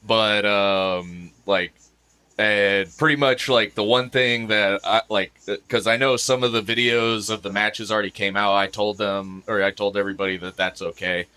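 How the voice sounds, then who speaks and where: A man with a somewhat low voice and a bright, forceful tone. He talks in a casual podcast chat, hesitant and full of fillers and restarts. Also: fairly even intonation, normal speed, smooth. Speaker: podcast host and event videographer.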